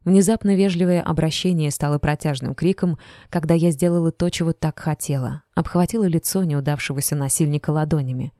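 A woman reading a first-person audiobook in a measured, even way. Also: low voice, no echo, studio quality. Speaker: audiobook narrator.

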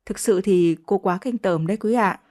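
A woman's voice: medium pitch, moderate pace, warm tone, close to an everyday voice. A stern older mother-in-law who scolds with cold contempt, as a woman narrator reads her. The storybook voice stays close to an everyday female voice. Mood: scornful scolding.

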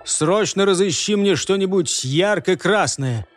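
A man voicing a gruff, commanding, burly male coordinator of a space base. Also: high voice, lively intonation, a little slow, faint music behind, pitched above the performer's own voice.

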